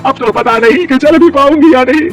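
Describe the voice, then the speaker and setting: A man's voice: extremely high pitch, brisk, far from the mic, soft background music, voice pushed up. A man voicing a bossy, dramatic elderly mother-in-law in a cartoon story, scolding and wailing. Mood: groaning. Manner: scolding, loud calling out, wailing complaints.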